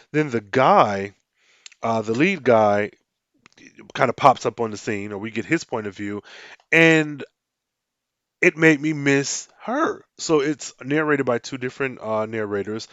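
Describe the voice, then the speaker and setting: A man's voice: medium pitch, dry recording, lo-fi sound. A man hosting his own podcast, chatting casually and animatedly, often restarting his sentences and acting out quotes. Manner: animated, frequent restarts, mock-dramatic quotes. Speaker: podcast host. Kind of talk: casual solo podcast talk.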